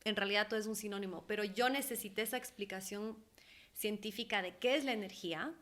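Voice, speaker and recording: Woman from Ecuador, young adult, casual interview talk, animated, mid pitch. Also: fast talker. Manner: animated, laughs often, acts out quoted voices. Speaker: guest, holistic therapist.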